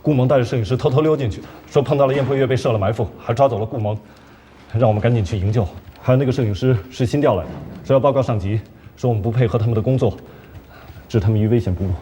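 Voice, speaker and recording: A man's voice: medium pitch, racing, mellow, slight background noise, lightly acted. An actor playing an anxious male supply driver who reports and apologizes. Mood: urgent. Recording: drama audio with music behind.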